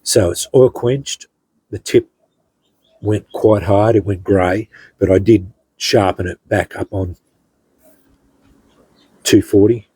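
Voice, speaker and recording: A middle-aged man talks slowly through the pieces he made, pausing with ums and restarts. His voice is low, dark and a little husky, recorded close and dry with no room sound. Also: fairly even intonation, dry recording, poor audio. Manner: unhurried, rambling, many ums and restarts. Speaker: hobby blacksmith showing his work. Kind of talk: casual show-and-tell narration.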